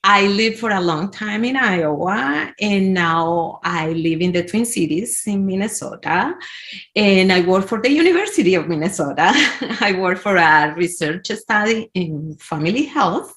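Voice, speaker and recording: Unhurried Colombian woman on a video call. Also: mid-range voice. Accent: Colombian Spanish. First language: Spanish. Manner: warm, laughs often, uses expressive hand gestures. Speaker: guest. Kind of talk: casual video-call interview. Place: home room with brick wall and plants. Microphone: video call webcam.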